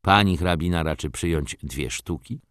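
A man's voice: deep voice, moderate pace, fairly bright tone, no echo, clean studio sound. A man voicing a reserved middle-aged merchant who speaks tersely and understatedly.

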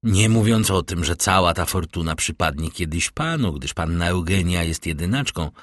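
A man reading an audiobook, voicing a calm, worldly count who speaks with measured irony. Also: low-pitched, dry recording, studio quality. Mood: ironic. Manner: cool, measured, ironic. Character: calm, ironic, worldly older nobleman count.

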